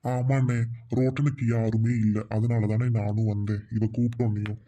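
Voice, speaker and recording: A middle-aged cartoon husband, voiced by a man with a flat, dark voice. He talks slowly and teases the women around him. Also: fairly low pitch, slight background noise, lightly acted. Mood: friendly.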